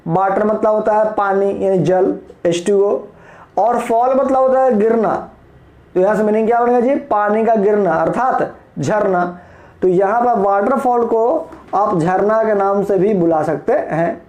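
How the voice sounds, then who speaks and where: A man's voice: high voice, a little slow, darkish tone, roomy sound. A male teacher from Bihar giving a patient, explanatory vocabulary lesson, spelling words letter by letter and asking the class questions. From Bihar, India.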